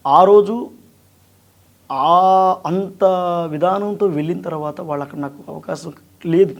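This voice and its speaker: A man's voice: sits high, highs cut off. A man from Andhra Pradesh, a mimicry artist and actor, talking earnestly and emphatically as an interview guest. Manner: earnest, emphatic, sings in a slow drawn-out voice. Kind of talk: interview conversation.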